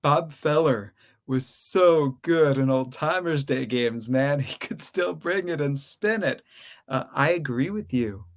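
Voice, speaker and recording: A man's voice: a little high, lively intonation, takes it slowly. A man hosting a podcast, chatting casually with an enthusiastic, agreeable manner. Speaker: podcast host. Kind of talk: casual conversational chat.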